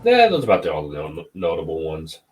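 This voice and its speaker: A man's voice: a bass voice, wildly swooping pitch, quick pace, husky, rough recording. A man co-hosting a casual sports podcast, running through his team's moves with lots of hesitant fillers. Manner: hesitant, filler-heavy listing. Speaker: podcast co-host, team fan.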